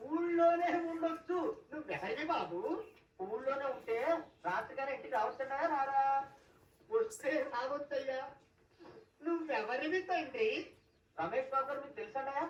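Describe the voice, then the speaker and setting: A woman's voice: sits high, animated, normal speed, pauses often, distant mic. A woman acting out comic skits theatrically, switching between characters. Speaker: comedy sketch performer. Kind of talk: acted comedy skits. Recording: roomy, off-mic, dull lo-fi sound.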